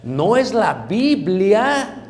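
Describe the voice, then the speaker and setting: Animated man preaching a sermon. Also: high-pitched, extremely slow. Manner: animated, swings between soft asides and loud emphatic lines; addresses the congregation as brothers.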